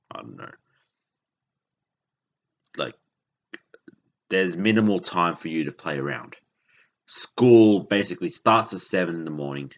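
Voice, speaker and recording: An Indonesian man hosts a casual podcast monologue in an extremely deep yet fairly bright voice. He rambles haltingly and keeps stopping to correct himself. The recording is dull and lo-fi.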